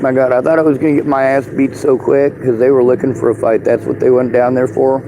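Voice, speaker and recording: Over clear outdoor noise and vehicle sounds, a man talks casually in a Southern-sounding drawl. His mid-pitched voice has a toothless slur, and he rambles bluntly with plenty of swearing. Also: little pitch movement, fast. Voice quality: slurred, toothless articulation. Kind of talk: casual street conversation.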